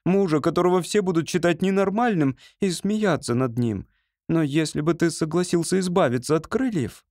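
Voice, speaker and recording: A man's voice: on the high side, moderate pace, darkish tone, no echo, clean studio sound, pitched above the performer's own voice, lightly acted. A man voicing a pleading young woman. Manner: pleading, emotional. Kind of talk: audiobook character reading.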